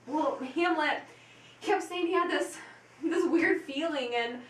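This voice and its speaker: A woman's voice: sits high, unhurried. A woman playing Horatio, a grieving young man, earnestly recounting events in an amateur interview skit. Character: Horatio, grieving loyal young male friend. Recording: echoey room.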